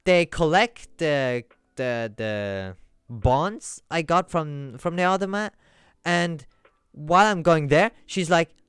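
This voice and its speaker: A man's voice: fairly high pitch, lively intonation, slow, a bit bright, smooth, no room sound, clean studio sound. A man streaming live, telling a rambling story to his chat with lots of restarts that builds up as he goes. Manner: rambling, with many restarts, growing more worked up.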